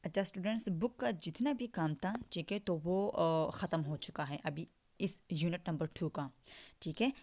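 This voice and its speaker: A woman's voice: fairly low pitch, darkish tone. A woman teacher giving an online English phonics lesson in Hindi mixed with English, spelling each word letter by letter and then saying it, with a frequent "theek hai". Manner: slow drills, spells words letter by letter then says them; mixes English words into Hindi, repeats "ठीक है" often.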